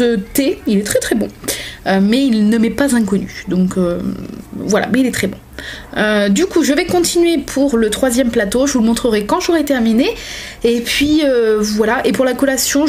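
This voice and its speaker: A woman vlogging in a casual, chatty way, often pausing on filler sounds as she talks. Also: fairly high pitch, darkish tone, slight background noise. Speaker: vlogger and mother. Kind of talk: casual vlog chat.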